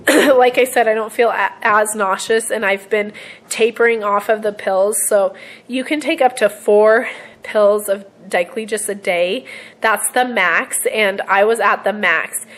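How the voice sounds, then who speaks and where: A young woman vlogging at home to her camera, hoarse from a cold, chatting in a rambling way with many ums and throat-clearing. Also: mid-range voice, measured pace, fairly bright tone, low-quality recording. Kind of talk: casual vlog chat to camera. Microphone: camera set on a surface.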